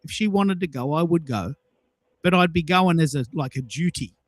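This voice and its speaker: Hosting a casual social audio chat, a man emphatically relates personal anecdotes and repeats lines for effect. His voice is a little high at a moderate pace, with a dry recording.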